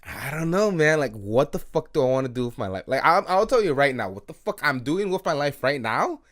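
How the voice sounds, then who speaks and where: A man's voice: medium pitch, very animated, fairly quick, fairly bright tone. A man in his early twenties hosting an unscripted late-night solo podcast, rambling, self-critical and swearing, with many fillers and laughs. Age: 20s. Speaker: podcast host.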